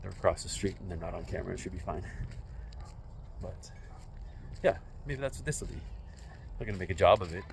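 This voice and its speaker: A man in his forties with a low, deep voice rambles casually into a phone held out on a selfie stick. He walks outdoors along a residential street, musing in a self-deprecating way, with faint noise in the background. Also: lively intonation, brisk, creaky, long pauses. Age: 40s. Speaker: vlogger. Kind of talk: casual walking vlog.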